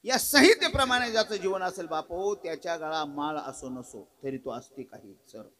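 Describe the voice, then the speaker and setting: High, bright-voiced emphatic Marathi preacher. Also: male voice, animated, normal speed, low-quality recording. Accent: Marathi, rural Maharashtra. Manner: emphatic, rising to loud exclamations, quizzes the audience. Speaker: kirtan preacher. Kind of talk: devotional kirtan sermon with storytelling.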